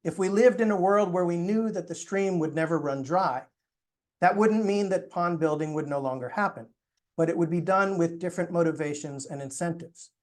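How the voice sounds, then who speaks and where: Measured man presenting a lecture. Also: high voice. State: losing his voice. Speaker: course presenter. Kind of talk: reading a prepared lecture.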